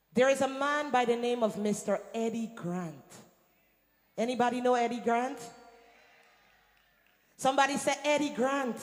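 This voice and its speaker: Guyanese woman, singer doing stage banter, lively crowd calls, mid pitch, big reverberant hall. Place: large venue on stage. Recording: echoey hall with long reverb.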